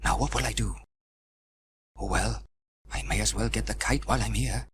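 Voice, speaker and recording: A man's voice: on the low side, moderate pace, a bit bright, slight background noise, natural voice. A man voicing a cheerful, confident young village fireman in a children's storybook, chirpy and hearty. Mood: startled, resigned.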